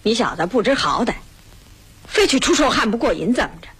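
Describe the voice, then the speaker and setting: A woman playing a brash husky Beijing woman. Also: on the high side, very animated, fairly quick, full character voice, low-quality recording. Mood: scolding. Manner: loud, scolding, cajoling. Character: brash bossy young woman, loud and teasing. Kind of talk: radio drama acting.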